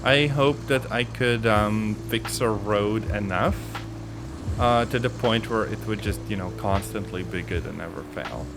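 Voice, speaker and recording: A man's voice: lowish voice, measured pace, creaky. A man streaming a game, thinking aloud in casual commentary with mild grumbles, game music playing behind. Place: home streaming setup.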